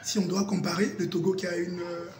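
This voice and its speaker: High voiced guy, speechy emphatic political talk, echoey room w noise behind. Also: little pitch movement, brisk, a little mellow. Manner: emphatic, oratorical, with repetition and proverbs. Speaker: political commentator. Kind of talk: spoken political commentary.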